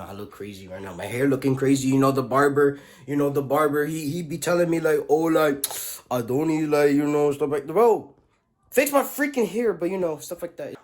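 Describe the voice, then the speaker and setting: A man's voice: mid-range voice, darkish tone. A young man telling a rambling school story to his phone, full of fillers, restarts and swearing.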